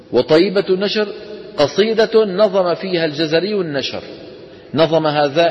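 A man teaching the rules of Quran recitation to a class. He explains step by step, asks his students questions and chants the verse examples. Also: a little high. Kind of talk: classroom lesson on tajweed. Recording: dull sound with long reverb.

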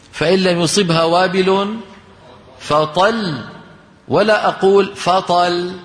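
Teacher in a reverberant hall. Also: male voice, high voice. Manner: asks questions and answers them himself; chants Quranic examples slowly. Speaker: Quran recitation teacher. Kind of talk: recitation lesson.

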